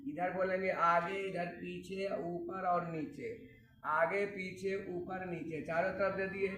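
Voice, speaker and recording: Male Bihari-accented chemistry teacher, high voice, repeats points, recorded from afar in an echoey room. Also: flat delivery, slow, fairly bright tone, recorded from a distance, a little hiss or hum. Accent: Bihari Hindi. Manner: repeats key points, addresses students as kids. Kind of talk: classroom lecture at a board.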